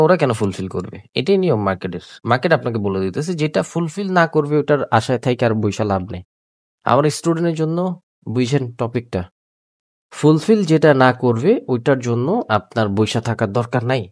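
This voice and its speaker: A sick, coughing man, talking slowly through live trades on screen and repeating his points, mixing in English words. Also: medium pitch, animated, no echo. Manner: slow, repetitive explaining with English words mixed in. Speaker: trading tutor. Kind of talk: live trading screen commentary.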